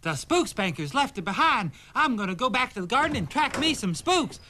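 A man's voice: extremely high pitch, sing-song, a little fast, pushed and bright, slight background noise, heavily acted. A man voicing a brash, hammy young male gopher. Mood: excited.

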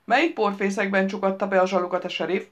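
Lady reading an unfazed guy trainer, dry and flat, bit slower and softer than her narration. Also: medium pitch, muffled recording, natural voice. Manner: dry, matter-of-fact. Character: dry, calm male trainer, unflappable.

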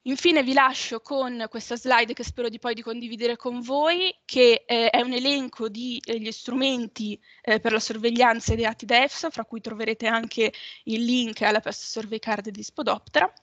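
A young woman gives an online slide presentation in a measured way, with some hesitations and self-corrections. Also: on the high side, steady tone, a bit bright, no room sound, lo-fi sound.

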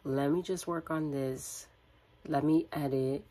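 A woman's voice: low voice, fairly even intonation, unhurried, warm tone. A woman in her thirties vlogging at home, rambling casually to her phone's front camera in a small room. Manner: rambling, chatty, thinking aloud. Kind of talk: casual vlog chat. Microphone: phone front camera close to the face.

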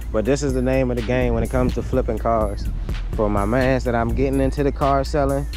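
A relaxed man with an ordinary mid-range voice walks around cars on a grassy lot, thinking aloud in easygoing slang. He holds the camera himself as he talks. Music plays clearly underneath him. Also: mid-range voice. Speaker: car flipper and vlogger. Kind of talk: casual walkaround commentary.

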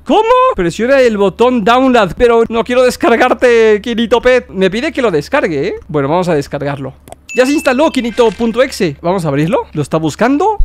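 Hombre de voz muy aguda y animada. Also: male voice, extremely high pitch, brisk. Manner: excitable, shouts in alarm and reads on-screen text aloud. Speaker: gaming YouTuber. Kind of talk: gameplay commentary.

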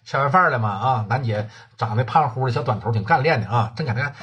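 A man's voice: mid-range voice, lively intonation, fast, fairly bright tone, slightly rough, dull audio. A man telling a long gangland story for sleep, in colloquial and coarse speech with crude slang.

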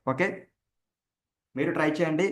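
A man's voice: fairly high pitch, moderate pace. A man hosting a computer tutorial, explaining each keystroke as he presses it in a casual way. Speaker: tech tutorial host. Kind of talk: step-by-step screen recording tutorial.

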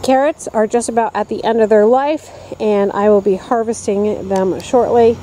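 Her voice medium-pitched and warm at normal speed, a thirtysomething woman from upstate New York, US, shows off her backyard vegetable garden for her gardening vlog. Holding the camera at arm's length, she walks, points at plants and stays casual and upbeat. Audio is poor, with slight noise and crickets and insects in the background.

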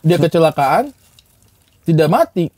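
An Indonesian man in casual podcast chat, talking quickly and chattily about a film. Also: a little high, very animated, mellow, no echo.

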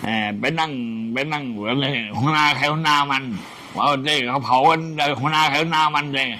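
A man's voice: on the high side, a little fast. An older man, a senior monk, telling stories casually in a rambling old man's way, often repeating his words. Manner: animated. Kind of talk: casual storytelling.

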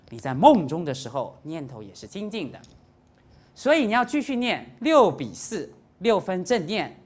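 Lively Buddhist teacher, chanting softly. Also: female voice, mid-range voice. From Singapore. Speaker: Buddhist teacher giving a lecture. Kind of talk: Dharma lecture. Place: lecture hall.

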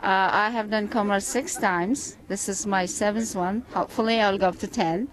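A woman's voice: mid-range voice, steady tone, moderate pace, rough recording. A woman from Ethiopia, cheerful and eager, speaking into a handheld mic on a street outdoors. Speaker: interviewee, marathon runner. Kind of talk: street interview.

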